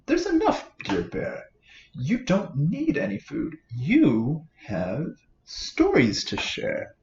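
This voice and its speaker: A man voicing a kind little male mouse with a squeaky, reassuring voice in a children's storybook reading. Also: wildly swooping pitch, slow, slight background noise, exaggerated voice. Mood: comforting. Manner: high squeaky voice. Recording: roomy, dull-sounding recording.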